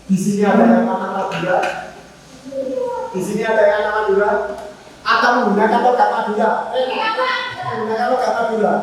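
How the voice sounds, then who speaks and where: An animated man gives a classroom lesson, breaking into small acted exchanges between nurse and patient. His voice reaches the camera from across the room, and a long reverb hangs on every phrase. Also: high-pitched, a little fast, long pauses, crowd noise. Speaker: student teacher. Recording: echoey classroom from far off.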